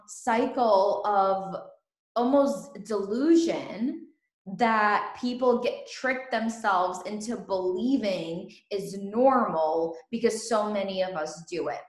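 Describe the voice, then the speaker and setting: A woman host born in Ukraine, chatting casually in an interview and laughing often. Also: mid-range voice. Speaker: podcast host. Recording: echoey room.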